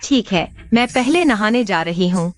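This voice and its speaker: A woman's voice: mid-range voice, lively intonation, unhurried, soft background music, lightly acted. An actress playing a confident, wealthy young woman boss in a dubbed drama. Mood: playful.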